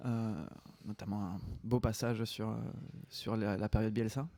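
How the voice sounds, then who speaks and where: A man's voice: on the low side, steady tone, moderate pace, dark tone, no echo. French man chatting as a guest author. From France. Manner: hesitant, many fillers and restarts. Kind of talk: casual chat on a livestream.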